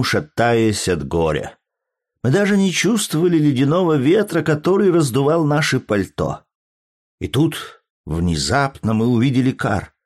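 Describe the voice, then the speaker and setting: Male audiobook reader, lowish pitch, measured storytelling. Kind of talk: scripted narration.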